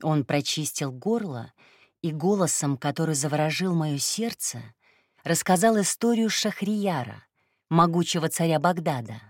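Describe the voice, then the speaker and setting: A woman reading a first-person story aloud in a calm, even narration. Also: low voice, normal speed, no echo, clean studio sound. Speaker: audiobook narrator.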